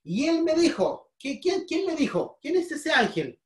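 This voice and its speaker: A woman's voice: high voice, big pitch swings, a little slow. A woman with a Chilean accent teaching a Bible lesson, asking the congregation questions and often repeating her words. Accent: Chilean Spanish. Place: church hall. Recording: roomy, from a distance.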